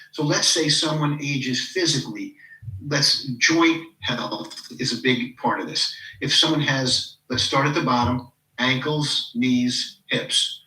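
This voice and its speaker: In a casual podcast interview, a coach in his fifties shares personal stories, speaking reflectively, leaning on "you know," and acting out the people he quotes. His voice is medium-pitched with a sharp tone, captured far from the mic in an echoey room on a rough recording.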